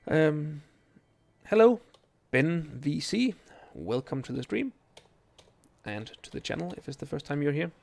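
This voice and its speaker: A young man from Denmark, not a native speaker, talks casually to viewers as he streams a video game. His voice sits on the high side and sounds gravelly. He's laid-back but hesitant, frequently saying um and starting over, with game music faintly audible.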